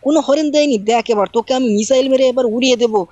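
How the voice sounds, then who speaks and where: A woman hosting a gaming channel, narrating her play with rapid, bossy banter in an uncle role. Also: sits high, dark tone, dry recording, lo-fi sound. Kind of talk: game role-play commentary.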